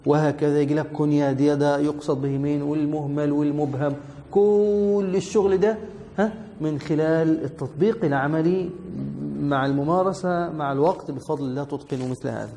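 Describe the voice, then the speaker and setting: A man's voice: a little high, fairly quick, warm tone, soft background music. A man with an Egyptian accent teaching a lesson on a classical text. He repeats the reading and then explains it in colloquial speech. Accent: Egyptian Arabic. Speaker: teacher of hadith sciences. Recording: echoey hall with faint background noise.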